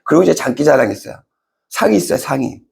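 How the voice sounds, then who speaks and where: A middle-aged man preaches in a conversational, animated way, slipping into character voices as he tells a story. His voice sits fairly high for a man, with a gravelly rasp and wide swings in pitch. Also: quick pace. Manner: conversational, asks the congregation questions. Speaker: pastor. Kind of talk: sermon.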